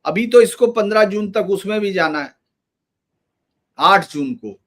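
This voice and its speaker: A man's voice: high-pitched, lively intonation, unhurried. A man giving emphatic political commentary in a loose, run-on conversational manner.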